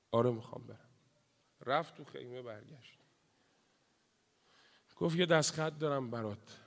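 A man delivering a mourning sermon, swinging between loud wailing cries and hushed grieving murmurs. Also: medium pitch, gravelly, big-room sound. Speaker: religious eulogist.

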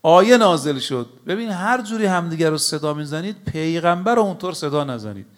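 A man's voice: on the high side, animated. A man preaching a sermon to a congregation. He tells stories and recites scripture, and he speaks emphatically, often addressing his listeners directly. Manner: storytelling with recited Arabic scripture.

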